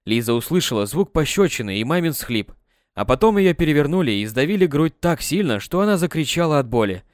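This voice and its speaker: Expressive male audiobook narrator, dry sound. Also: fairly high pitch, brisk, dry recording. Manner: expressive reading.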